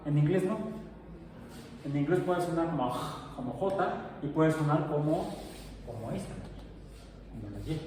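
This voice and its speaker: Chatty Mexican teacher in echoey classroom. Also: male voice, a little high, darkish tone. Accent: Mexican Spanish. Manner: chatty, digressive storytelling. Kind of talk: classroom lecture with anecdotes. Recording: roomy echo, distant mic, faint noise.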